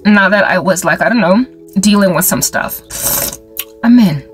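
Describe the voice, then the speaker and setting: Animated South African woman in her forties. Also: medium pitch, moderate pace, soft background music. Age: 40s. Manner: animated and wry, with sound effects and mixed-in local languages. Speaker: vlogger and ministry creator. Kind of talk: casual monologue to camera.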